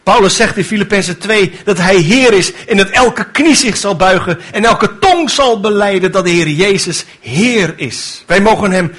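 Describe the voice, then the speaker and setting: A man's voice: sits high, fairly bright tone, husky. A man preaching a sermon with fervent delivery, building to emphatic rhetorical questions.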